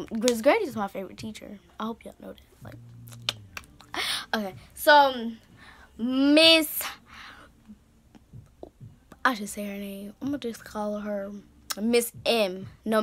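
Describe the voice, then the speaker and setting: A woman vlogger in her bedroom telling a story time in an animated, slangy, rambling way, with lots of asides. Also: a little high, slow, long pauses, slight background noise. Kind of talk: casual story time monologue. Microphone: camera's built-in mic.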